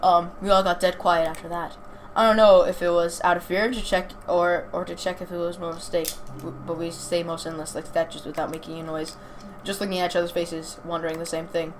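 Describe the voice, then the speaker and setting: A young woman hosts a gaming video, casually commenting on a game and reading its text aloud in an informal, chatty way, tripping over words now and then. Her voice is lowish and fairly quick, with little pitch movement. The amateur home recording is clearly noisy.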